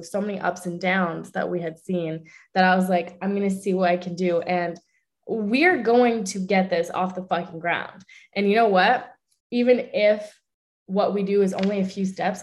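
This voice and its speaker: Her voice is fairly low and darkish: a young French-accented actress, native French speaker, who does voice acting and social media management. She's open and profane in a casual interview, speaking in short, quick bursts.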